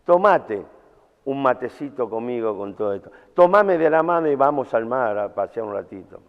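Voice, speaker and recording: A man's voice: medium pitch, lively intonation, normal speed, natural voice. Eve, a coaxing, sweet-talking wife, as a man plays her. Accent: Rioplatense Spanish. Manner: wheedling, affectionate. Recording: tinny, echoey hall.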